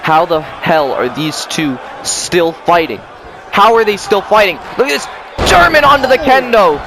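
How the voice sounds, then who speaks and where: A man with a high voice calls wrestling action in a loud, exclamatory rush, cracking jokes between the big moments. Steady noise hums under the recording. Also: moderate pace, crowd noise. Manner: shouting, exclamatory, jokey. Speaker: play-by-play commentator. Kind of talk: excited wrestling commentary.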